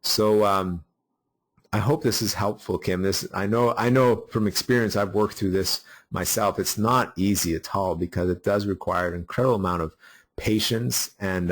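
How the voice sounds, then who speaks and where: A man's voice: sits low, steady tone, moderate pace. A man hosting a parenting webinar, talking off the cuff with many fillers and restarts. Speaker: webinar host. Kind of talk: unscripted teaching talk.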